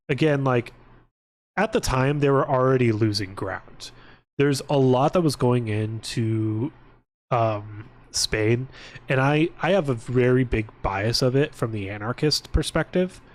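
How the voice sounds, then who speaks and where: Speaking a little slowly, a man with a medium-pitched voice and lively intonation rambles through a casual livestream chat. He curses freely, breaks off mid-thought, and keeps drifting onto tangents.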